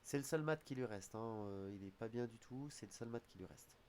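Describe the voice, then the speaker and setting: A man with a slight head cold thinks aloud while playing online chess on stream, muttering his calculations in half-finished phrases. His mid-range, darkish voice is brisk, picked up by a streaming desk mic with slight background noise.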